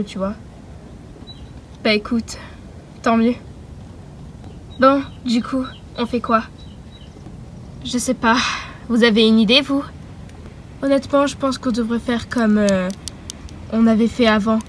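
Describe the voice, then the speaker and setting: A woman performing the everyday chat of a group of girls in a fan-made doll drama. Her voice sits high and her pace is slow, casual and full of hesitations, with a faint background hiss. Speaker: creator voicing a fan doll series. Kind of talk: homemade doll drama dialogue.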